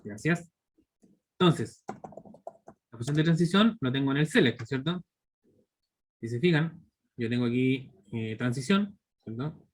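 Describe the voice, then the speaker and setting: A man's voice: mid-range voice, animated, unhurried, pauses often. A man in his thirties with a Chilean accent, teaching a live online programming class step by step and constantly checking in with his students. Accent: Chilean Spanish. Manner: explains step by step, checks in with students through constant tag questions. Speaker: university teacher.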